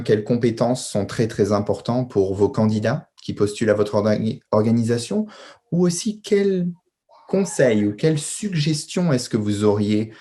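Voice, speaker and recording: A man with a fairly low, dark and mellow voice moderates a panel. He circles around his questions, dotting them with small tag words. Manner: circling phrasing with a frequent "hein" tag.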